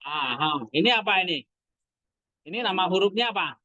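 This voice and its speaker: A man's voice: high voice, expressive, moderate pace, pushed and bright, no room sound, lo-fi sound. A man teaching a class, asking his students short questions as he goes. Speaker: Greek language teacher. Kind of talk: classroom lesson.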